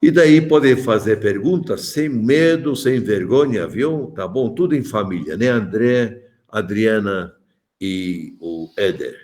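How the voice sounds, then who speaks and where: A man's voice: fairly low pitch, lively intonation, takes it slowly, a little mellow. A man in his seventies from Malta, a bishop giving a joking, chatty catechesis talk to adults and calling on them by name. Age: 70s.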